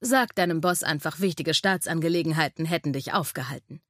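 Woman reading as an amorous young man, velvety low murmur, deep, dry close sound. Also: brisk, fairly bright tone, dry recording. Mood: teasing.

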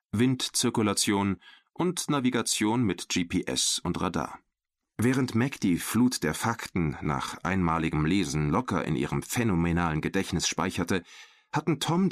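Male audiobook narrator, low voice, lively expressive read, dry studio mic. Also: no echo. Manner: expressive, voices every character. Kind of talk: scripted storybook narration.

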